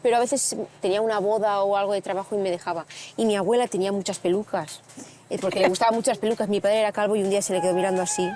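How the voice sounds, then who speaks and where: Fast-talking woman sharing anecdotes. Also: mid-range voice, fairly even intonation, background noise. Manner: brisk, anecdotal, imitates relatives. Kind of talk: casual storytelling. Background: background music.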